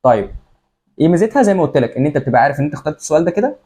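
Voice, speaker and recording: A man's voice: on the high side, sing-song, warm tone. A young man with an Egyptian Arabic accent, casually walking students through exam tips, repeating each step aloud. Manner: rapid, repetitive, walks through steps aloud.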